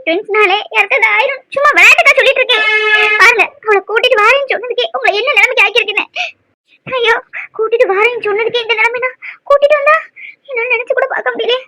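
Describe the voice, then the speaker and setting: A woman voicing a sharp-tongued, dramatic middle-aged mother in a cartoon, scolding and lamenting. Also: very high-pitched, fast talker. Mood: wailing. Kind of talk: cartoon voice acting.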